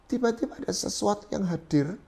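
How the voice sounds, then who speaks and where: A middle-aged pastor from East Java, Indonesia, appears as an interview guest to share his personal testimony, sprinkling in English phrases. His high, gravelly voice moves fairly quickly and animatedly, swinging between loud and soft as he acts out his own prayers.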